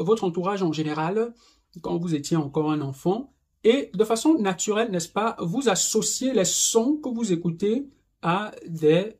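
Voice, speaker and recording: A man with a fairly high, husky voice teaches a video lesson. He explains at length, often checking in with "n'est-ce pas" and slipping English terms into his sentences. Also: a little mellow. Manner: mixes English terms into French.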